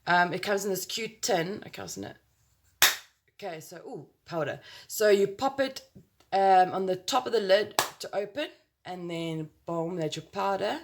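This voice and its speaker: Animated yet a little slow, her mid-range voice carries some vocal fry against background noise. The South African woman rambles playfully through her makeup tutorial to camera, close to the phone, tossing in exclamations and sound words.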